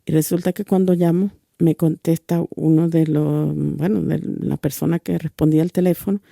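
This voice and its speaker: Flat, dark-voiced woman giving testimony. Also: deep voice, normal speed, creaky, no room sound, clean studio sound. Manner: earnest storyteller who acts out quoted dialogue. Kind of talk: religious testimony storytelling.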